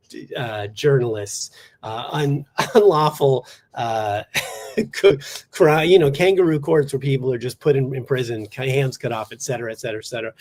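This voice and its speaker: A man hosting a solo comedy podcast in a studio, ranting sarcastically with deadpan asides and bursts of mock outrage. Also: medium pitch. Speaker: podcast host.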